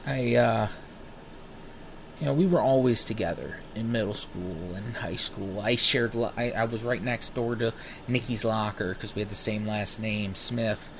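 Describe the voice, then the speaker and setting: A man in his thirties, smoking while he talks, telling rambling personal stories in a casual, animated way and swearing freely. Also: lowish voice, a little slow, slight background noise. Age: 30s. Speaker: vlogger.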